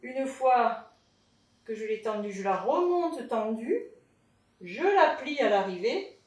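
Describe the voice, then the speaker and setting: Pilates teacher, woman, higher voice, chatty and encouraging, echoey room, heard from a distance. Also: big pitch swings, takes it slowly, a little mellow. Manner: chatty and encouraging, tags lines with "hein". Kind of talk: guided exercise class. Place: at home. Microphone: camera in front of her.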